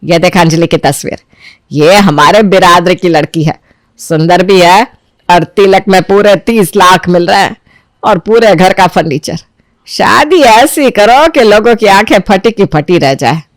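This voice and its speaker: A woman voicing a greedy, dowry-proud middle-aged mother-in-law in an animated storybook drama, boastful and coaxing by turns. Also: on the low side, a little slow, no echo, clean studio sound, lightly acted. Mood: pushy.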